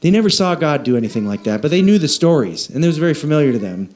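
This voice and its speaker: Animated male pastor preaching. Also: rapid-fire. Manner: animated, repeats words and restarts, shifts pitch for emphasis. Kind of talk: conversational sermon.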